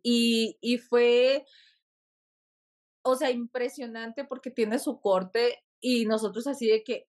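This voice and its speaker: Female podcast guest, slightly high voice, animated storyteller, laughs easily. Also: slow pace. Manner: animated, laughs often while telling a story. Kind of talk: casual storytelling conversation.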